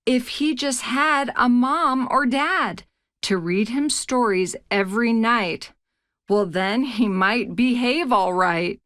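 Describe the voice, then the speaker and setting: A woman narrating a rhyming children's picture book as a read-aloud host, with a measured, expressive storytelling delivery. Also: medium pitch, smooth, dry recording, clean studio sound.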